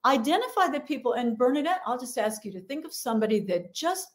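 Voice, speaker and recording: A middle-aged leadership coach appears as a guest on a podcast interview, speaking with lots of energy. Her voice is high and she talks fast, acting out the voices of people she quotes.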